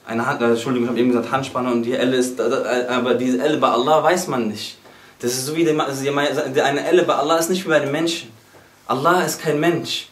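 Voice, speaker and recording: A man's voice: medium pitch, fairly even intonation, fast talker. Fervent male preacher in a roomy hall. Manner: fervent, emphatic, with repeated exclamations and restarts. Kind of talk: sermon to a gathering. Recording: roomy echo.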